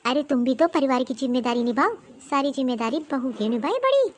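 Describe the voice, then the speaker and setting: A hardworking elder daughter-in-law in a cartoon, played by a woman. She speaks bluntly and sounds fed up, with a high voice. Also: expressive, brisk. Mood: indignant. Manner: complaining, blunt. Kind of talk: cartoon voice acting.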